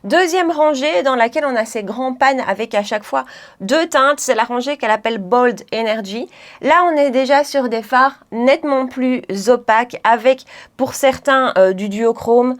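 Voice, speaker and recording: A woman's voice: high-pitched, moderate pace. A woman chatting through a makeup tutorial, laughing often and correcting herself as she goes. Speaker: beauty vlogger.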